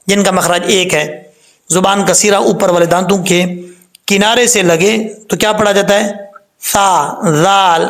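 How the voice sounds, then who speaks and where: A man's voice: high voice, fairly bright tone. A middle-aged man teaching Quran recitation step by step. He explains each sound and corrects mistakes, repeating the right pronunciation several times.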